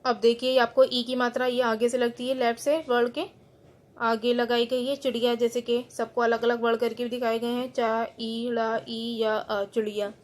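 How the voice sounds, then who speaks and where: A woman school teacher giving an online grammar lesson. She spells words out letter by letter, then repeats each rule in simpler words with English terms mixed in. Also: fairly high pitch.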